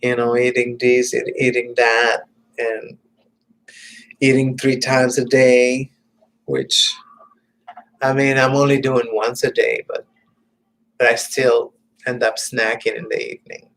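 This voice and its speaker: A man in a casual, rambling vlog monologue, halting and meandering with many restarts, sometimes dropping to a muttered whisper. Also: medium pitch, monotone, fairly bright tone, low-quality recording. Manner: drops to muttered, whispered asides. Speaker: vlogger.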